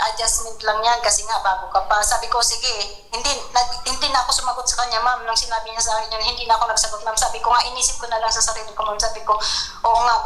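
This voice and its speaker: Deferential woman worker abroad: bright, slightly high voice, quick delivery, echoey room sound. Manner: deferential, ends nearly every phrase with a polite address. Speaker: overseas worker seeking help. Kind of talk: call-in interview.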